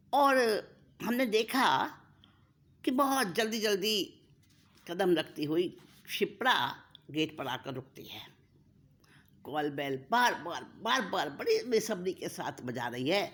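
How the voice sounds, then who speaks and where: A woman narrating a moral story in an expressive, dramatic way. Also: low voice, husky. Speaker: storyteller, religious speaker.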